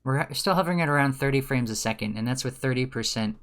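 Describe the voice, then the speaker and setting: A man's voice: medium pitch, quick pace, fairly bright tone, faint music behind. A man who teaches, chatting casually while streaming game development, rambling, with dry sarcastic asides. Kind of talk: casual livestream chat.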